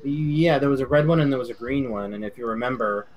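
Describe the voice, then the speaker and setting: A man runs a tabletop game over voice chat as its game master. His speech is casual and rambling, full of fillers as he describes the scene. His voice sits at an ordinary middle pitch. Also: quick pace, darkish tone, muffled recording.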